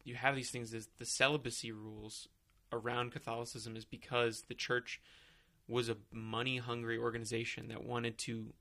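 A man in casual podcast chat who speaks bluntly and swears freely. His voice is bright and forceful at an ordinary pitch. He slips in sarcastic jokes between his arguments. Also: flat delivery, moderate pace.

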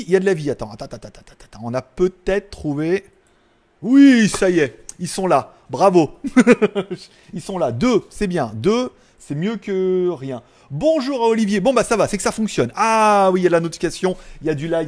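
High-voiced chatty man hosting a live stream. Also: a little fast. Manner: chatty, rambling, excitable. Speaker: live tech show host. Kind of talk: casual live-stream chat.

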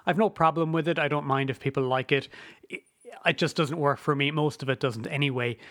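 A man's voice: on the high side, steady tone, a little fast, a bit bright, no echo, clean studio sound. An Irish man hosting a podcast as a casual solo monologue, recorded indoors in a wooden cabin. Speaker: podcast host.

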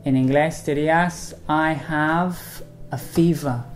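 A man teaching English vocabulary in a bilingual lesson, repeating each model sentence slowly and carefully. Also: fairly high pitch, steady tone, faint music behind.

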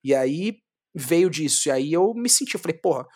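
A young man from Brazil, a street clown, telling his story in a casual interview, lively, swearing often and acting out what he said back then. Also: fairly high pitch, moderate pace. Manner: animated, swearing, acts out his own past words.

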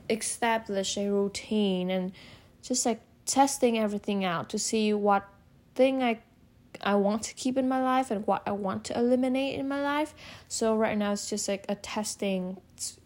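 A woman's voice: mid-range voice, a little mellow. Chatty young Vietnamese woman, filler-heavy. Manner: rambling, many "like" fillers and restarts. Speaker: podcast host. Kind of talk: casual solo chat.

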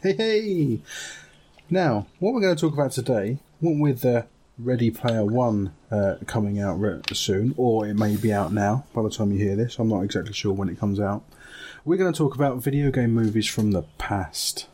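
A man from Essex with an Essex accent and a husky voice, hosting a casual podcast chat. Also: fairly low pitch, moderate pace, mellow, a little hiss or hum. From Essex, England. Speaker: podcast host.

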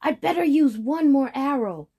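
A woman voicing a brave, defiant little boy who shouts his refusals in a high voice. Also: animated, moderate pace. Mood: urgent.

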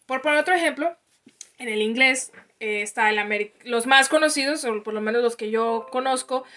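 A woman's voice: a little high, a little fast, pushed and bright. A young woman with a Mexican accent co-hosting a casual podcast, chatty and laughing often. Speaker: podcast co-host.

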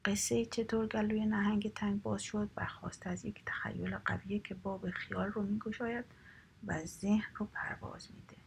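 A woman reading a children's story aloud in a soft, half-whispered storytelling voice. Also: mid-range voice, little pitch movement, creaky, slight background noise.

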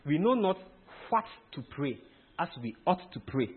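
A man preaches a teaching sermon in a slightly high, husky voice. He is emphatic and keeps quizzing his listeners with questions. The sound is thin and tinny, like a phone line. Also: big pitch swings, normal speed.

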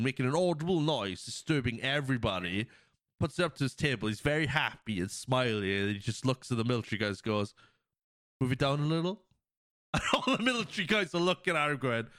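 The medium-pitched voice of a male podcast host comes through a dry, clean studio recording. He sniffles from a cold while casually recounting a movie scene by scene, animated throughout, acting out quotes and laughing often.

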